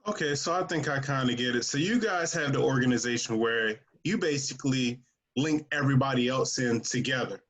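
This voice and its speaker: A man hosting a podcast interview over a video call, laid-back and joking, with halting, restarting questions. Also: mid-range voice, a bit bright. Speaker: podcast host. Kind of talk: casual interview chat.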